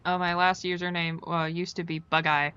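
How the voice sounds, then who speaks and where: A woman's voice: fairly low pitch, flat delivery, moderate pace, sharp tone, dull audio. A woman streaming a game, chatting casually and joking about herself to her viewers. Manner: chatty, self-deprecating, talks to chat. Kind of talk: casual gameplay commentary.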